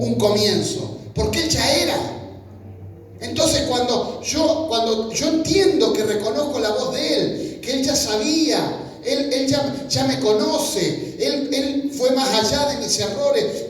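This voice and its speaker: A preacher giving an in-person sermon in a colloquial, conversational way, often restarting phrases and acting out quoted lines. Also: mid-range voice. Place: church gathering in person. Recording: very echoey room, speaker far from mic.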